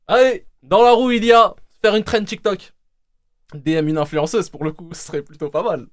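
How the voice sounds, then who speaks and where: Young male host, teasing and laughing, higher voice. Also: steady tone, moderate pace, dry recording, clean studio sound. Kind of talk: live stream hosting.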